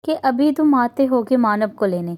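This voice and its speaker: A woman's voice: a little high, animated, darkish tone, natural voice. A woman voicing an older grandmother in a novel reading, doting on her granddaughter. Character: older grandmother, proud, softened.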